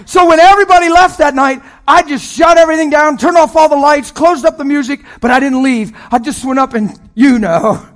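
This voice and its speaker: High-voiced man in his fifties preaching. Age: 50s. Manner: animated, laughs often, swings from hushed to shouting. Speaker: pastor. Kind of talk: sermon storytelling.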